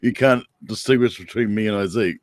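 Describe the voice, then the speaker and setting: A livestream host with a New Zealand accent chats casually with viewers, teasing them and using their names in a laid-back way. His voice is on the low side and a little fast, with no echo.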